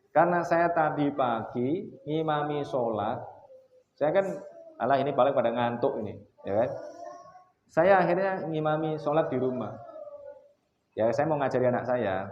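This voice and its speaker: Animated middle-aged lecturer, echoey room. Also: male voice, a little high, slight background noise. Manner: animated storytelling, acts out quotes loudly. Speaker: lecturer teaching students. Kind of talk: casual lecture to students. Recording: echoey, slightly dull room recording.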